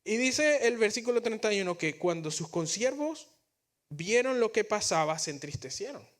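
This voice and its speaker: An earnest male pastor delivering a sermon, with a voice pitched a little above usual. He often repeats and restarts words as he builds toward his points. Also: lively intonation, normal speed, a bit bright.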